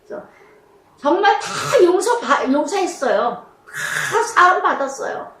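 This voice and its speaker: A woman's voice: extremely high pitch, big pitch swings, a little slow, a bit bright, roomy sound. A middle-aged woman pastor giving a chatty devotional sermon, full of rhetorical questions.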